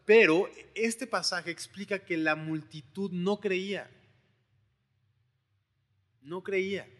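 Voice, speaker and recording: A man preaching a relaxed, conversational sermon, full of informal asides and questioning tags. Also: sits high, takes it slowly, in a large hall. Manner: informal, questioning asides, retells scripture in voices.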